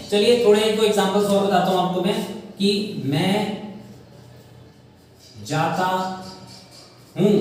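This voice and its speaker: A male English grammar teacher, explaining rules step by step in a classroom-style lesson and calling his viewers children. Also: sits high. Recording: very echoey room, far from mic, faint noise.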